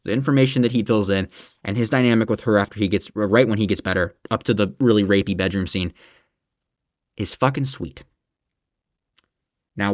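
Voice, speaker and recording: A man's voice: fairly low pitch, no echo, lo-fi sound. Profane, exasperated man ranting about a book. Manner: profane, exasperated ranting, voice climbing when worked up. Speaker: book reviewer. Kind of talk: casual spoken book review.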